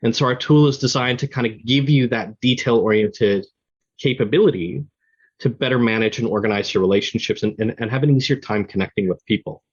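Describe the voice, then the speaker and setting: A man speaking as an interview guest, explaining his software product in a conversational, explanatory way. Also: medium pitch, fairly quick, breathy edge, muffled recording.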